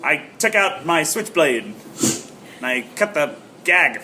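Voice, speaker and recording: A man's voice: on the high side, expressive, takes it slowly, very noisy. A man playing a wry, unflappable private eye who narrates his case in short, clipped noir sentences in an improvised audio drama. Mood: narrating.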